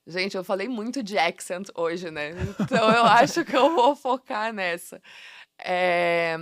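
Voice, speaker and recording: A woman with a Curitiba accent talks as a guest English teacher on a podcast. She sounds playful and animated, laughing easily as she explains. Her voice sits at a middle pitch and is recorded dry and close. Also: a little slow, dry recording. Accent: Curitiba Brazilian Portuguese. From Curitiba, Brazil. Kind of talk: casual podcast interview.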